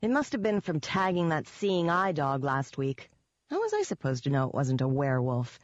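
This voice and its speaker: A woman's voice: low voice, sing-song, moderate pace, dry recording. Wry, sardonic woman narrator, first-person audiobook, dry and dull-sounding mic.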